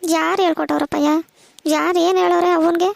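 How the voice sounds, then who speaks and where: A woman's voice: very high voice, fairly even intonation, fast, gravelly, dry recording, heavily acted. A woman voicing a tearful, anxious teenage village daughter in a cartoon, pleading and asking worried questions while crying. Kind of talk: cartoon voice acting.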